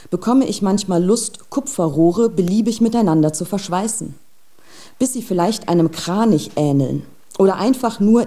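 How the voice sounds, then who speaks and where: A woman's voice: mid-range voice, dark tone, natural voice. A woman playing a brooding adult woman scientist in a radio drama, speaking in a pensive, philosophical monologue.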